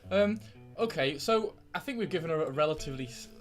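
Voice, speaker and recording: A man with a British accent hosting a casual podcast, chatty and quick to break into laughter. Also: a little high, lively intonation, soft background music. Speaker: podcast host. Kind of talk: casual chat.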